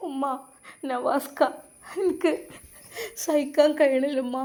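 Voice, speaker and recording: A woman's voice: high voice, steady tone, slow, dark tone. A woman voicing a grieving pregnant young wife who pleads through tears. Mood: tearful. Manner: tearful, breaking pleading.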